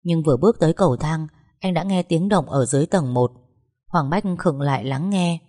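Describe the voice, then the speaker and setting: A woman narrating an audiobook story in a calm, even manner. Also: low voice, fairly quick.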